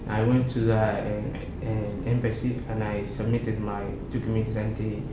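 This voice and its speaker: A young Somali man, an MBA student appearing as an interview guest, answers questions casually at a normal pace in a lowish voice with little pitch movement. He hesitates, with frequent restarts and fillers, and the echoey room carries background noise.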